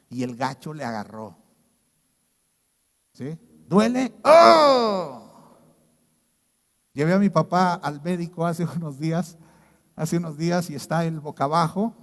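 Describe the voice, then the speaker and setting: A man with a Mexican accent preaching a sermon as pastor, telling stories in a lively way and often checking in with "¿sí?". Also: fairly high pitch, big-room sound. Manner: animated storytelling with repeated "¿sí?" checks.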